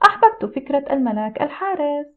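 A woman reading a first-person audiobook in a steady, reflective storytelling manner. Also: high voice, fast talker. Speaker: audiobook narrator. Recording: tinny phone-like audio.

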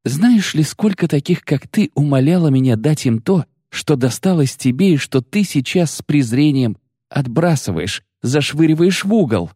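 A man reading an audiobook, voicing a proud, sharp-tongued sorceress who speaks with biting, bitter mockery. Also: medium pitch, lively intonation, normal speed, husky, no room sound, studio quality, voice pushed up. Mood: scornful. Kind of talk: audiobook character voice.

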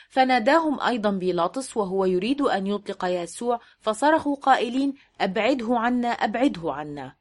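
A woman gives a formal, scripted reading of a written text, her voice pitched in an ordinary middle range. Her delivery is measured and recitational, with weight placed on the quoted passages.

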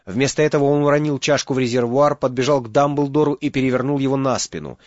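A man reading an audiobook as narrator, in steady dramatic storytelling. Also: medium pitch, fast talker, no room sound, lo-fi sound. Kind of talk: scripted narration.

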